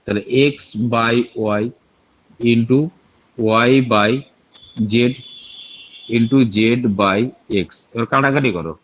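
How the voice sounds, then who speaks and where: A man's voice: mid-range voice, takes it slowly, pauses often, fairly bright tone, slight background noise. A man teaching a math lesson for exam prep. He repeats each step, quizzes students with rhetorical questions and keeps warning them about careless slips. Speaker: math tutor. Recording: dull lo-fi recording.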